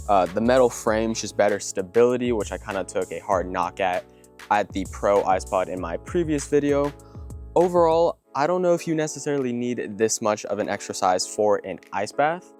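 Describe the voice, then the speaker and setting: A man with a lowish, darkish voice presents a video product review, explaining things informally in a mix of scripted and casual delivery. Background music plays under his voice.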